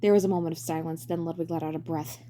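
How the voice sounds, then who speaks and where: A woman's voice: low-pitched, fairly even intonation, fast talker, dark tone. A woman narrating a fan story as a dramatic reading.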